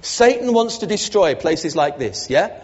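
In a church hall, a pastor who is the new church officer preaches a sermon, leading the congregation in repeating lines. His voice sits on the high side and is very animated yet unhurried, earnest and emphatic, and the recording is muffled and echoey.

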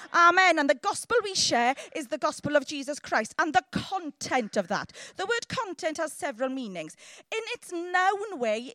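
A woman with a south Wales accent preaches in a high, swooping voice with very little room echo. She is informal and animated, teasing the congregation and often throwing short questions at them to keep them engaged. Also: clean studio sound. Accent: south Wales Welsh. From Llanelli, south Wales. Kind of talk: lively informal sermon to a congregation.

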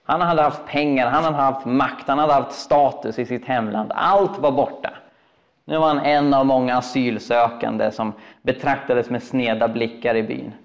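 A man preaching a sermon, telling stories in an animated, expressive way with acted quotes. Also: medium pitch. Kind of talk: sermon storytelling.

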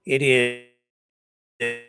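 A man's voice: mid-range voice, flat delivery, drawn-out words, pushed and bright, clear, resonant tone, no room sound, clean studio sound. A man hosting an online news show, talking casually and sardonically to his viewers. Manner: chatty, sardonic, asides to viewers. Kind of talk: casual opinion commentary.

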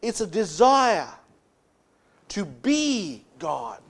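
A man preaching a sermon as pastor, speaking emphatically and dropping low and soft to stress key words. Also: sing-song, extremely slow, creaky.

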